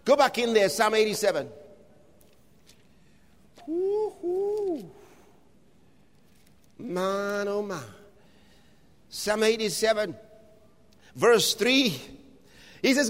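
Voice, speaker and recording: High-voiced fervent preacher in a reverberant hall. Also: male voice, very animated, takes it slowly, long pauses. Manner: calls out to the congregation, shouts refrains. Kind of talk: fervent sermon with scripture reading.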